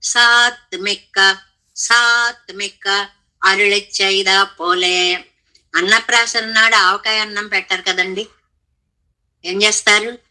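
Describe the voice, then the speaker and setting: A woman's voice: medium pitch, steady tone, slow pace, pauses often, pushed and bright, poor audio. A middle-aged woman giving a devotional scripture discourse, explaining the text and chanting Sanskrit verses. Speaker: religious teacher.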